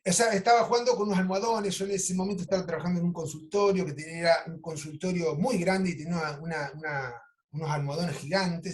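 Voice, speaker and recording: A man with an Argentine Spanish accent, a psychoanalyst lecturing over a video call and telling clinical cases in a lively, animated way. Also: high voice. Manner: animated storytelling, acts out quoted lines. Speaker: psychoanalyst teaching an online course.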